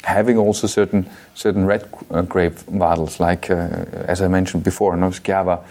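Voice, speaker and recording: Deep-voiced South Tyrolean winemaker. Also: male voice, level tone, darkish tone. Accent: South Tyrolean German. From South Tyrol, Italy. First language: German. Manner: halting, with many fillers and restarts. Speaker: winemaker guest. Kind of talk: casual interview talk.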